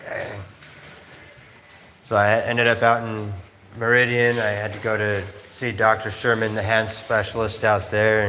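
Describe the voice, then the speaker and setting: Casual male streamer, lowish voice, rambling storyteller, reverberant room, faint hiss. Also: bright, forceful tone. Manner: rambling, laughing storyteller with many fillers. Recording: roomy space with faint noise.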